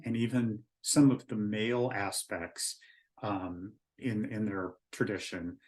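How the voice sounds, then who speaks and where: A man with a fairly low-pitched voice gives an informal spoken lecture. He speaks as an author and spiritual teacher, earnest and explanatory. His delivery is hesitant, with frequent ums and self-corrections.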